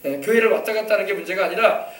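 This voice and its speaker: A man's voice: high-pitched, very fast, distant mic. A male pastor preaching a sermon, asking his congregation questions and urging them on. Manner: preaching with call-and-response questions. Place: church sanctuary. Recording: echoey church from off-mic.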